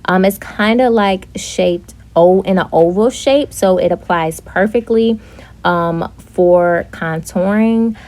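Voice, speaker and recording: Chatty woman with a lowish voice. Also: takes it slowly, a little mellow. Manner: chatty, with frequent ums and likes. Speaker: beauty vlogger. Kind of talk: casual makeup tutorial narration.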